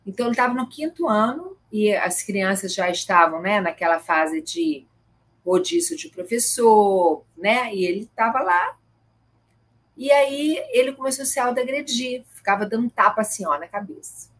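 A middle-aged woman tells stories in casual conversation. Her voice is husky with a slightly breathy edge. She is animated and acts out the people she quotes. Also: on the high side, normal speed. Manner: animated, retells scenes with quoted dialogue. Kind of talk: conversational storytelling.

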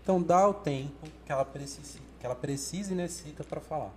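Here the oratory teacher's voice sits on the high side and moves a little fast, with slight background noise. He has a Brazilian Portuguese accent, coaches in a casual, animated way, performs quoted thoughts, and restarts often.

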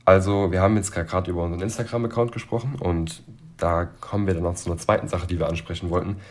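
Young man with a very low voice. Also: quick pace. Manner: relaxed, organized, with hesitant fillers. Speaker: podcast co-host. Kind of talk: casual chat.

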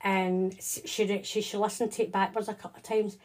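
A woman's voice: medium pitch, level tone, a little fast, a little mellow. A woman with a Scottish accent, a psychic medium talking casually and reassuringly as an interview guest. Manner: chatty, reassuring, with frequent restarts.

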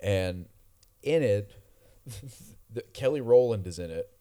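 A man's voice: fairly low pitch, expressive, slow, mellow. A man chatting casually, telling stories animatedly with lots of filler words. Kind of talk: casual chat.

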